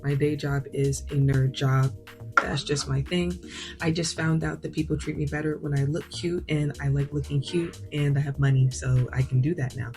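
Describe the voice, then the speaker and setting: Her voice sits low and a little mellow as this New York-accented vlogger chats away in her home glam room, applying makeup. The talk is long-winded, frank and rather bougie.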